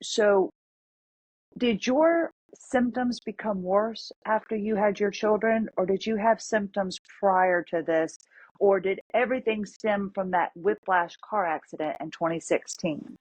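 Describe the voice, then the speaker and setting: A woman in her fifties hosting an interview, reacting with sympathy and asking quick follow-up questions. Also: medium pitch, darkish tone, dry recording. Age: 50s. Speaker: host. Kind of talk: conversational interview. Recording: dry, dull lo-fi audio.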